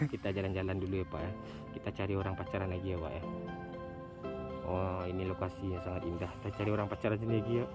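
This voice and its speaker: A man vlogging outdoors as he flies a drone, giving playful running commentary in a teasing way with bursts of loud, high shouting. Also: steady tone, quick pace. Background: background music.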